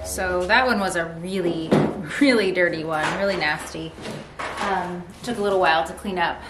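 This thirty-something homesteading vlogger has a lowish voice and keeps a moderate pace as she casually describes cleaning old beehive frames. She's working in a spacious barn, with loud background noise on the recording.

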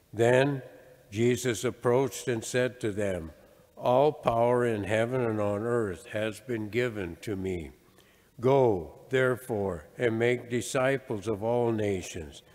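An older man, a deacon, giving a solemn, deliberate gospel reading with cathedral echo in a large church. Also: on the low side, a little mellow. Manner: measured, deliberate phrasing.

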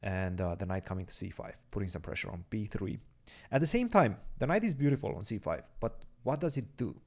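Gravelly low-voiced male chess commentator. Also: sing-song, brisk. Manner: chatty, thinks aloud over moves. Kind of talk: live-streamed chess commentary.

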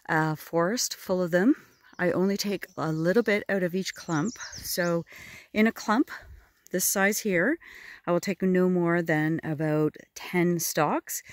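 A gentle forager with a fairly low voice explains her land among birdsong, strolling a spring woodland by a river. The casual how-to narration is unhurried and admiring, recorded on a phone camera at arm's length.

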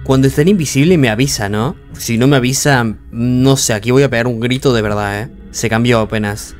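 A jumpy young man talks through a horror game. His voice sits at an ordinary middle pitch. He yelps in panic and mutters to himself over faint game music in the background. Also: brisk. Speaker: gameplay streamer. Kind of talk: horror gameplay commentary.

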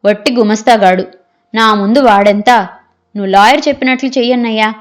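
A woman's voice: a little high, a little fast, natural voice. A woman voicing a crafty, greedy younger brother who talks his older brother round in a storybook reading. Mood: insistent. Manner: persuasive, scheming.

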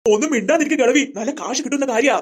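A sly village henchman, as a performer puts him on, fast-talking and eager for cash. He fawns over his boss and turns gruff with his aunt. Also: sits high, pitched above the performer's own voice. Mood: fawning. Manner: fawning to the madam, rough with his aunt.

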